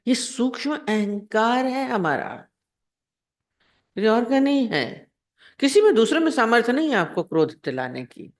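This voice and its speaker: A woman's voice: fairly high pitch, sing-song, measured pace. Woman spiritual teacher, plain conversational discourse, leans on homely examples and rhetorical questions.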